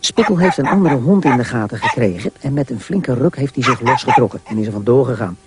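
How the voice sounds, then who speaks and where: A man reading a children's story aloud in a clear, even narrating manner. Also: mid-range voice, quick pace, heavy background noise.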